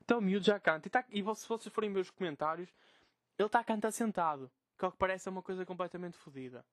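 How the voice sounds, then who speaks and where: A young man with a Portuguese accent rants animatedly on a solo podcast recorded in his bedroom. His voice sits high and races along, thick with swearing and mocking quotes. The sound is dry and close. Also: rapid-fire, dry recording. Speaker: podcast host. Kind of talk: casual solo podcast rant.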